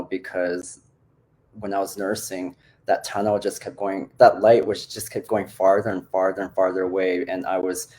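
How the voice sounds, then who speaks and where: A man's voice: sits low, a little mellow. A man born in the Philippines who works as a business coach, talking casually with many fillers on an online group call. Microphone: video call.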